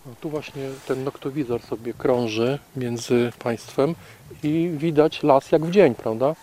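A man guiding a night walk in the forest, calmly explaining owl behavior to a group with fillers and repeats. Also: mid-range voice, a little slow, slight background noise. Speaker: naturalist guide on a night walk.

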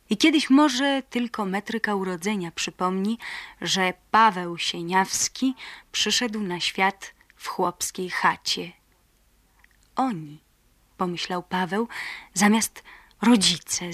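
A woman's voice: medium pitch, a bit bright, no room sound. A woman reading literary prose aloud expressively, lifting her voice for the characters' lines. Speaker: reader of prose.

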